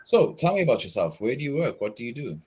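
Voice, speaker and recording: A man's voice: mid-range voice, big pitch swings, fast talker, warm tone, husky. A man who works as an English teacher, chatting casually on a video call, asking questions and encouraging the other speaker. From South Africa.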